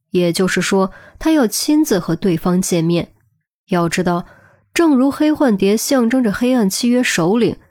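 A woman reads a serialized web novel aloud. She narrates in a steady, even storytelling manner, keeping a mid-range pitch. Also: no room sound, studio quality. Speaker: audiobook narrator.

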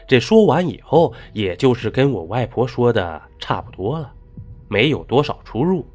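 Guy narrating a spooky folk story, super lively up and down voice, faint music under it. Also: medium pitch, moderate pace. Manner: dramatic, rising and falling delivery. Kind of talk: scripted narration of a ghost story.

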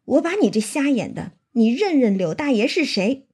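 A woman's voice: on the high side, sing-song, normal speed, mellow, husky. Woman doing a coldly scornful young swordsman. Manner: cold, mocking, commanding.

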